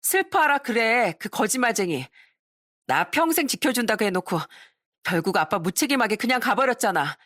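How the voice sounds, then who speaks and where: A woman's voice: fairly high pitch, very animated, normal speed, fairly bright tone, dry recording, studio quality, pitched above the performer's own voice. A woman voicing a rebellious, grieving teenage girl who speaks in tearful, bitter outbursts in a storybook drama.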